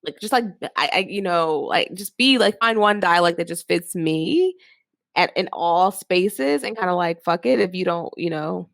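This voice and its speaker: Low-voiced woman, frank and rambling. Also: lively intonation, moderate pace, vocal fry, no echo. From Philadelphia. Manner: rambling, many "like" fillers, frank. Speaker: podcast co-host. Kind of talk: casual discussion.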